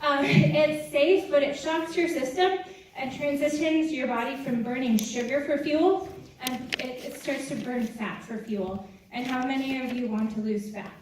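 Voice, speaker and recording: A woman's voice: sits high, measured pace, slight background noise. A woman presenting a live health seminar, cheering volunteers on and counting down exercises with lots of energy. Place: large room with audience. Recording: echoey hall, far-off mic, music and crowd.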